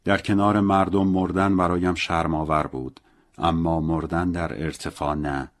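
A man reading a novel as a first-person audiobook narrator, in a calm, measured and reflective way. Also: deep voice.

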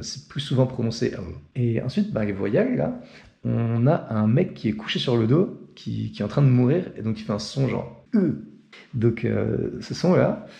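A man's voice: mid-range voice, vocal fry, warm tone. A young man explaining an alphabet in a casual, chatty tutorial and often checking in with the viewer. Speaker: language teacher.

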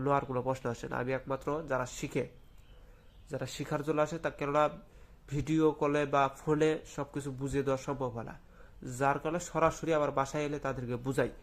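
A man, a folk healer with a cold, explaining rules and then slowly chanting mantra verses. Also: medium pitch. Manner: slow deliberate chanting of verses. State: feverish with a head cold. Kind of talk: spoken instruction with chanted recitation.

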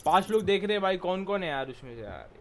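A man's voice: high voice, very animated, fast, fairly bright tone, a little hiss or hum. A man streaming a shooter game and bantering casually with his friends, teasing and joking as he plays. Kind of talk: casual gaming chat.

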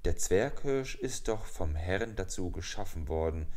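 A man voicing a small, worn-out male mouse deer in a storybook tale, speaking humbly and flatteringly. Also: sits low, unhurried.

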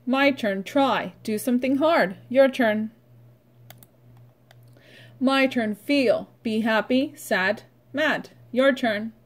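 In this lesson for little ones, the teacher reads aloud and repeats vocabulary in short, plain instructional phrases with pauses, her pitch fairly high.

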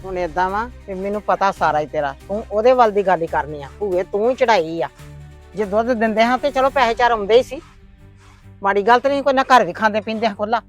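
A woman's voice: mid-range voice, quick pace, soft background music, lightly acted. A woman playing a stern, nagging grandmother in a homemade family drama, lecturing and complaining. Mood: grumbling. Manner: complaining, lecturing, sharp-tongued.

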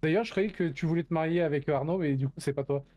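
A man's voice: on the high side, fast, a little mellow. A man chatting as a guest co-player on a live stream, teasing and laughing easily. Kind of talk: casual live-stream chat.

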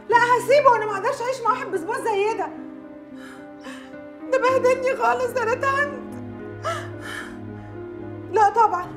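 An actress with an Egyptian accent playing a jealous, quick-tempered young newlywed bride in a TV drama. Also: female voice, sits high, distant mic, lightly acted. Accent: Egyptian Arabic. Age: young adult. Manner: rapid, accusing, flares into shouting. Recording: music under the dialogue.

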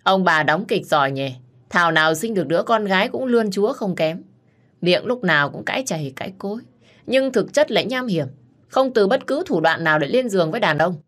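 A woman voicing a spiteful, scheming middle-aged mother-in-law who shouts insults. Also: deep voice, moderate pace, breathy edge. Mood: sneering.

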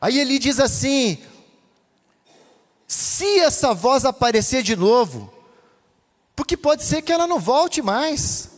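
High-voiced preaching man, fervent. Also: big pitch swings, takes it slowly, pauses often. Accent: Brazilian Portuguese. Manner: fervent, chanting cadence. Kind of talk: pentecostal sermon. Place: church hall. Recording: long church reverb.

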